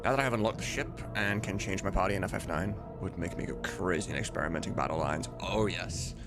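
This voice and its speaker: A low-voiced man talking fast runs a relaxed livestream where he edits voice mods, swears occasionally, and is easily pulled off-topic between work and chatter. Music and keyboard typing sound in the background.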